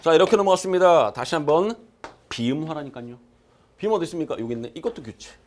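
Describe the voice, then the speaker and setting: Lively male lecturer drilling key terms. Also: fairly high pitch, quick pace, a little hiss or hum. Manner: emphatic, asks questions and answers them himself. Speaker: exam prep lecturer. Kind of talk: recorded classroom lecture. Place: lecture room.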